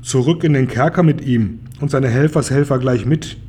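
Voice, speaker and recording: A man's voice: medium pitch, normal speed, mellow, a little hiss or hum, natural voice. A man voicing a pompous, grumpy pharaoh ruler in a children's audiobook, haughty and commanding.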